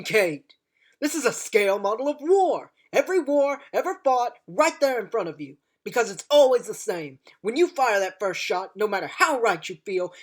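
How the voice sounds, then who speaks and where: A woman playing an impassioned war veteran pleading for peace in a theatrical, rousing dramatic monologue. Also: medium pitch. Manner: theatrical, swinging from hushed to shouted. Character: impassioned, unforgiving-yet-forgiving time-traveller war veteran pleading for peace.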